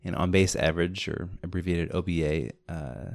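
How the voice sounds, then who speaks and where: A man co-hosting a podcast, calmly explaining a statistic in measured terms. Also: deep voice, no echo, clean studio sound. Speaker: podcast co-host. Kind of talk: explaining stats in podcast chat.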